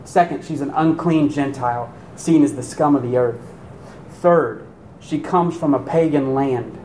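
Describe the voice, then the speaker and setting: A pastor preaching a sermon to his congregation in a lively, animated way, firing off rhetorical questions. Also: unhurried. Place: church sanctuary. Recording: echoey room with faint rumble.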